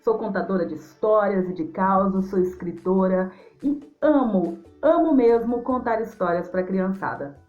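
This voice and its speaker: A woman's voice: medium pitch, normal speed. A Brazilian woman from Mato Grosso do Sul, a storyteller and writer, answering interview questions for young listeners in an affectionate, effusive way. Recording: dull lo-fi sound with music.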